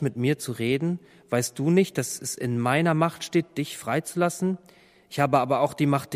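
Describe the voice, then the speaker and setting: German preacher in a reverberant hall. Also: male voice, mid-range voice. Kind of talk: Bible reading and sermon.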